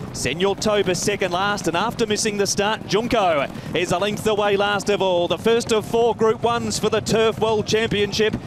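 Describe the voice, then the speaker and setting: A man's voice: sits high, background noise. A man working as a race caller, giving a live running commentary on horse racing.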